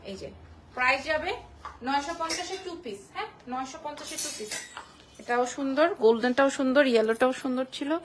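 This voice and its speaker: A woman selling clothes on a live stream from a small shop, repeating prices and sizes in a quick sales patter. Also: sits high, background noise. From Bangladesh. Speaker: online clothing shop seller.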